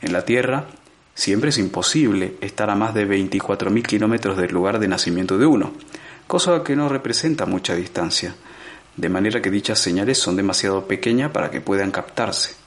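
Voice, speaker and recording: A man with a fairly low voice narrates an audiobook, reading scripted material in a measured, expressive way. He keeps the story's pacing even and gives dramatic moments room to land.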